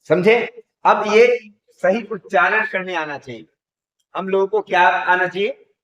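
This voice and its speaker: A man's voice: high-pitched, measured pace, fairly bright tone, rough recording. A man teaching a Sanskrit lesson in class, drilling pronunciation, asking questions and repeating the answers.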